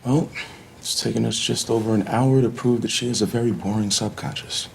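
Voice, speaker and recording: A dry, deadpan doctor who delivers his lines flatly. His voice sits a little low. Faint music plays behind him. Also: brisk, vocal fry.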